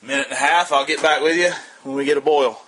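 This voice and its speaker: A man with a Southern US accent giving a casual how-to demonstration of a homemade stove, relaxed and rambling, with lots of uh and um fillers. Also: on the high side, fast. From Southern United States. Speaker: outdoor gear hobbyist demonstrating a stove.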